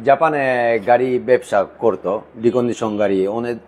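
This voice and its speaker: Man, Japanese accent, foreign learner's broken Bengali, halting short phrases, car dealer, medium pitch. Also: darkish tone, slight background noise. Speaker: car dealer, showroom owner. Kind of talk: unscripted car showroom presentation.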